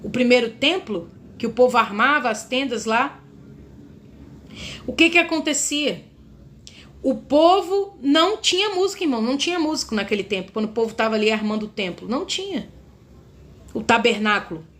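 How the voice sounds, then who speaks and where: A woman's voice: fairly high pitch, expressive, normal speed, a bit bright. A woman with a Brazilian Portuguese accent preaching a fervent sermon, often calling her listeners brothers.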